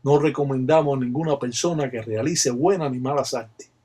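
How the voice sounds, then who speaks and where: A man giving a solemn, measured instructional narration about a folk ritual. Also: medium pitch, mellow. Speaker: religious practitioner explaining a ritual.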